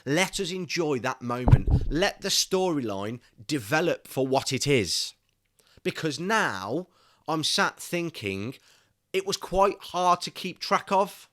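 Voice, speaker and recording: A man's voice: a little high, big pitch swings, slow pace, fairly bright tone. A young man giving a casual solo film review, ranting with passionate frustration. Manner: passionate, increasingly irate ranting.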